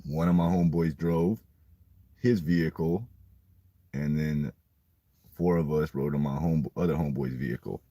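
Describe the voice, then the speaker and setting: A young man casually telling a long story in a rambling, profane, animated way. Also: very deep voice, normal speed, pauses often, dry recording. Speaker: podcast storyteller.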